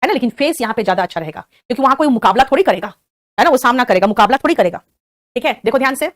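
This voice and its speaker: A woman's voice: on the high side, lively intonation, rapid-fire. A woman with an Indian accent teaching a spoken English class, patiently coaxing and quizzing her students.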